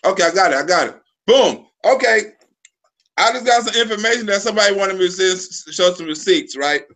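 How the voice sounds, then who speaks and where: Expressive and a little quick, a forties-aged live-stream host speaks with a high, fairly bright voice. He tells loose, foul-mouthed stories in casual chat, often restarting mid-thought.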